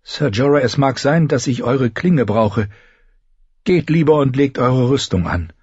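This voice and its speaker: A pleading young queen, as a male narrator puts her on, her voice raised and a little husky. She speaks slowly but urgently, with a lively rise and fall. The recording is dry and slightly dull. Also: medium pitch, no room sound, pitched above the performer's own voice. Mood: commanding.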